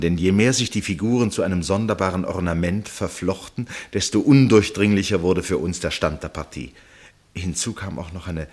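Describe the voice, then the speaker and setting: An actor playing a first-person narrator in a literary radio play, a husky-voiced man telling his account in a measured, suspenseful way. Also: sits low. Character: male first-person narrator, absorbed witness of a chess match.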